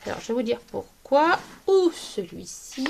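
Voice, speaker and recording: A woman's voice: fairly high pitch, sing-song, unhurried, vocal fry, noisy background. A woman from France chatting casually about her coloured pages as a hobby vlogger, hesitant and often searching for words.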